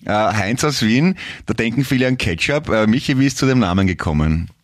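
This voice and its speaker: A man's voice: lowish voice, lively intonation, fairly quick, dry recording, clean studio sound. A man with a Viennese accent hosting a podcast in playful, rambling casual chat. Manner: playful, rambling, laughs often. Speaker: podcast host.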